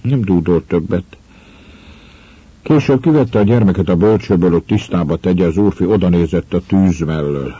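A man reading a story aloud in a slow, measured, quiet way. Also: low-pitched, slightly rough, no echo. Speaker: narrator. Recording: dull lo-fi recording.

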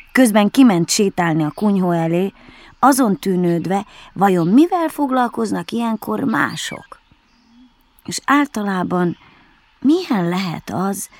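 A woman reading a children's story aloud with lively, expressive narration. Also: mid-range voice, slight background noise.

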